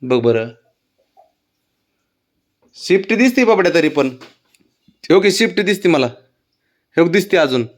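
A man's voice: high-pitched, sing-song, measured pace, pauses often. Man coaxing his cat in sing-song. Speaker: pet owner. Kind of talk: casual talk to a pet cat.

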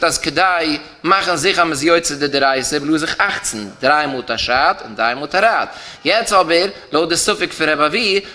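Male rabbi, Yiddish accent, lecture chant with rising and falling lines, bright voice. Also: a little high. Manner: rising and falling chant, stresses key terms, repeats phrases. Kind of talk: Talmudic lecture in a singsong study chant.

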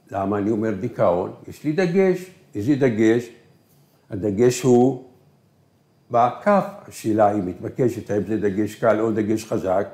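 A male teacher whose first language is Arabic gives a recorded grammar lesson. He asks questions and answers them himself, slowing down on key words. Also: fairly low pitch, warm tone. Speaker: Hebrew teacher. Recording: echoey room.

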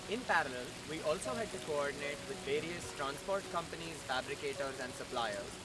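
Brief: young man, fairly high voice, rehearsed, set back from the mic, loud music. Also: expressive, fairly quick. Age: young adult. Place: outdoors on a campus. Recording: voice distant from mic.

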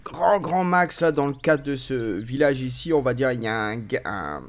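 A man hosting a let's play, giving casual, playful gameplay commentary with lots of fillers and lively swings in pitch and loudness. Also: moderate pace.

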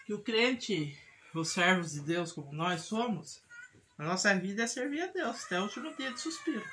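Bright and forceful in a lowish voice, a middle-aged Brazilian mother chats casually for her home vlog as she does chores. Her talk rambles and repeats itself, frequently ending with a checking tag, and the small indoor space has clear household noise and handling clicks.

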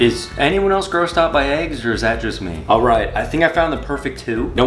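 A man's voice: fairly high pitch, a bit bright. A young man vlogging while he cooks in his home kitchen, joking, swearing and talking to his viewers. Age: young adult. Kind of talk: casual cooking vlog. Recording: echoey kitchen with background music.

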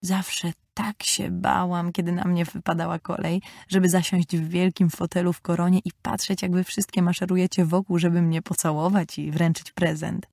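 Woman voicing a shy, soft-spoken girl. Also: lowish voice, level tone, normal speed, creaky, few pauses, dry recording, clean studio sound. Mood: timid. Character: shy, gentle teenage girl, thirteen.

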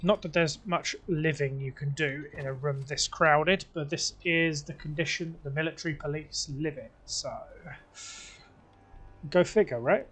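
A young man from the UK chats casually while building in a game, thinking aloud through every small choice. His voice sits a little higher than most men's. He sounds relaxed and unhurried at his desk microphone. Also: breathy edge. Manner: chatty, musing, talks himself through choices. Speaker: let's play host. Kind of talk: casual gameplay commentary.

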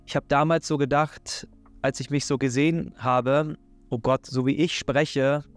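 Sitting in his living room, a Hamburg man in his thirties with a local German accent addresses viewers directly in an earnest, uplifting faith talk for his self-help channel. He speaks a little slowly with fairly even intonation and a medium pitch, into a desk microphone, faint music playing behind.

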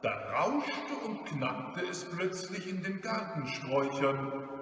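A man reads a children's book aloud in a slow, expressive storytelling voice. His pitch moves a lot and sits a little high. He is far from the mic in a large museum hall, with a long echo ringing after each phrase. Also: a little hiss or hum. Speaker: guest reader.

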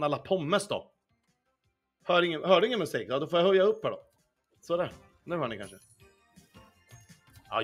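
Faint music plays behind a young man's casual livestream of casino games, where he replies to viewer chat while playing, swears a lot and hums along to the tune. His voice is on the high side and fairly bright.

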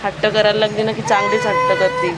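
Coaxing mum over loud household noise. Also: female voice, mid-range voice, wildly swooping pitch, fairly quick. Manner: coaxing, chiding and soothing children, then confiding to camera. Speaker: family vlogger and mother. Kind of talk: casual home vlog chat. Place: at home.

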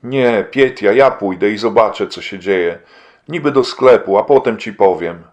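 A man's voice: on the low side, normal speed, darkish tone, natural voice. A man reading an audiobook and voicing an anxious, devout wife who speaks in an earnest, pleading way.

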